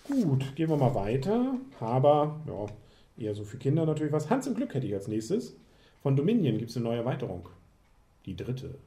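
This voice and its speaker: A man's voice: mid-range voice, moderate pace. A man hosting a board game podcast, chatting casually as he works through a list of new games. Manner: relaxed, going through a list of publishers. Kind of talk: casual chat.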